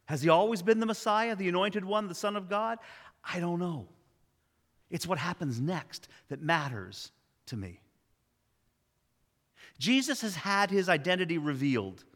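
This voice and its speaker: Guy preaching a sermon, kinda high voice, lots of jokes on the side, echoey church hall. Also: very animated, a little slow, pauses often, a bit bright. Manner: conversational, wry asides, emphatic repetition. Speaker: pastor.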